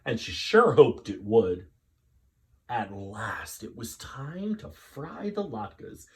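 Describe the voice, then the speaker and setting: A man reads a children's story aloud as a storyteller, stretching it out dramatically with pauses and chatty asides. His voice is fairly low and moves through big pitch swings.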